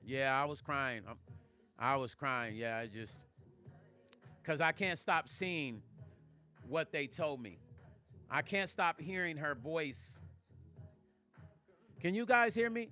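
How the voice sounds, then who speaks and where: A man's voice: fairly high pitch, animated, takes it slowly, long pauses, pushed and bright, faint music behind. An older man hosting a casual livestream, talking emotionally and rambling to viewers on a close studio mic. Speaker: vlog host.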